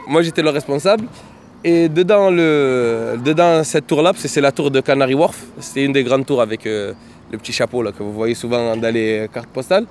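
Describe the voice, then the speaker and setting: A man recounts his past in a loose, meandering way, stacking up fillers and "et cetera". His voice sits at an ordinary middle pitch. He is recorded outdoors in a city neighbourhood, with faint traffic hum behind him. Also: normal speed, a little mellow. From Marseille, France. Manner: rambling, full of fillers and "et cetera". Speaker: interviewee. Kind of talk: casual storytelling.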